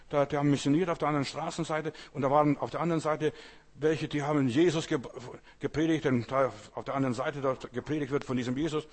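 A man's voice: fairly high pitch, husky. A man preaching a sermon in a conversational way, often asking his listeners whether they follow and repeating his exhortations. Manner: conversational, keeps asking the audience "weißt du"; repetitive exhortation, rising loud on key phrases.

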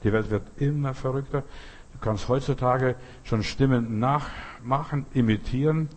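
A man preaching a sermon, emphatic and repetitive, building to loud outbursts. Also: mid-range voice, a little slow.

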